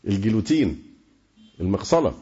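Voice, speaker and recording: An Egyptian-accented man delivers a religious lecture at a brisk clip, his voice dark and a little husky. He drifts into casual speech and keeps stalling on repeated syllables while he reaches for words. The recording sounds dull and lo-fi. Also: lowish voice, big pitch swings. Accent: Egyptian Arabic. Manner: colloquial, many repeated hesitations. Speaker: preacher.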